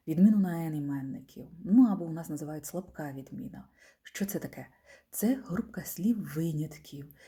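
A woman teacher explaining a German grammar point patiently, often letting the ends of phrases fall soft and quiet. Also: on the low side.

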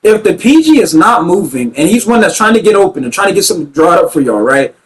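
A young man giving emphatic, ranting commentary on his own basketball video game play, repeating himself and getting loud at big plays. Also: high-pitched, very animated, quick pace, rough recording. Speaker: gaming YouTuber commentating his own gameplay.

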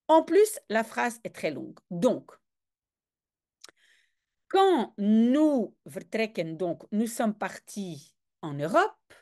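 A woman's voice: mid-range voice, sing-song, takes it slowly, darkish tone. A woman giving a casual reading lesson, translating a comic aloud in a chatty, explaining way with frequent hesitations. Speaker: reader and language teacher.

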